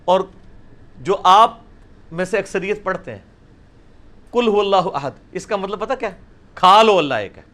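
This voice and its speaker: A man's voice: sits high, expressive, long pauses, bright, forceful tone. A middle-aged man, teaching a class at a blackboard and explaining patiently with questions to the audience. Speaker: religious teacher. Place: indoor lecture room with a blackboard.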